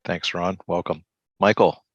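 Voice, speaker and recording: A man hosting a group video call, relaxed and halting, with many fillers. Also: sits low, no echo, dull audio. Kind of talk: casual group check-in.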